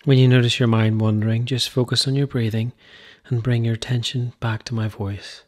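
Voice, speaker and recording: This meditation guide's gentle instructions come in short, spaced phrases, delivered fairly quickly in a level tone. He's a man with a mid-pitched voice.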